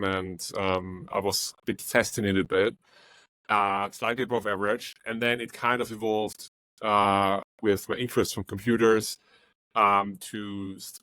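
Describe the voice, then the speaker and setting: A man from Austria with an Austrian German accent, a startup founder, answers interview questions earnestly with frequent ums and uhs. His voice is fairly low and fairly bright, and the recording is dry.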